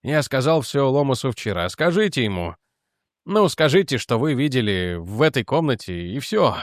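A man voicing Reggie, a weary quiet detective. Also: mid-range voice, sing-song, no room sound, clean studio sound, natural voice. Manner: quiet, measured.

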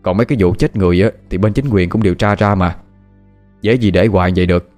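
A man's voice: low-pitched, fast, a little mellow, faint music behind, natural voice. A man doing an offhand, dismissive husband. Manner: offhand, casual. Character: dismissive young husband, calm and reassuring.

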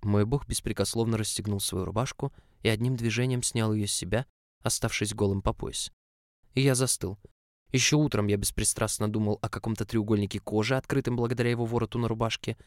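A man reading a story aloud as scripted narration in an even, measured way, close to the mic. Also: on the low side, dry recording. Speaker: audiobook reader.

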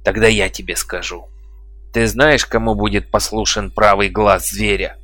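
A man's voice: fairly low pitch, fairly even intonation, normal speed, fairly bright tone, no room sound, close to an everyday voice. A man voicing a cruel old male shaman who taunts and cackles, in an audiobook reading. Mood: mocking.

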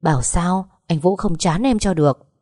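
A woman's voice: on the low side, normal speed, darkish tone, no room sound, clean studio sound, lightly acted. A woman voicing a spiteful, scheming young woman who taunts and sneers at her rival. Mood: taunting.

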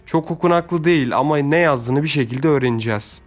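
A man voicing a rich, kind and decisive young lord who gives orders in a calm, commanding way, in a Turkish storybook reading. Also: fairly high pitch, a little fast, faint music behind, pitched above the performer's own voice, natural voice.

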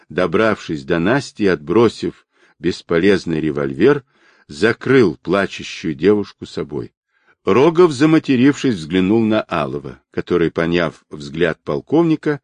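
A man reading an action-packed audiobook aloud in an expressive storytelling manner. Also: sits low, dry recording. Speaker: audiobook narrator.

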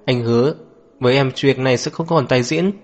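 A man's voice: mid-range voice, brisk, a little mellow, natural voice. A man playing a possessive, volatile husband. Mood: pleading. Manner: pleading turning harsh and domineering.

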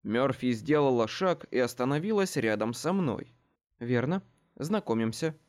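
Wry, expressive male audiobook narrator. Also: mid-range voice, moderate pace.

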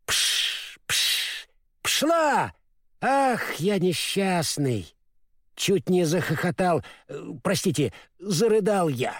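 A man's voice: high voice, big pitch swings, drawn-out words, fairly bright tone, dry recording, studio quality, full character voice. A man doing a stammering, muddled straw scarecrow. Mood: storytelling. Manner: stammers, mixes up words then corrects himself. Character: clumsy naive straw scarecrow, male, cheerful. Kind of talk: storybook reading.

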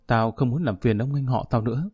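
A man voicing a sad young runaway son who quietly tells of his hardships in an audiobook story. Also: mid-range voice, fairly quick, slightly rough, dry recording, clean studio sound, soft background music, lightly acted.

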